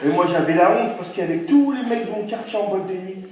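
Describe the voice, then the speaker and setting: A man's voice: high voice, fast. A young man from France performing a stand-up routine, telling a story and acting out the people in it. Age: young adult. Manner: animated storytelling, acting out characters in shifting voices. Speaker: stand-up comedian. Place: comedy venue with audience. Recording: distant echoey live room with crowd noise.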